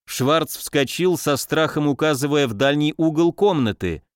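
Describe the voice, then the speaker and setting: A man narrating an audiobook in an animated storytelling manner. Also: a little high, moderate pace, smooth, no echo, studio quality. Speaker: audiobook reader.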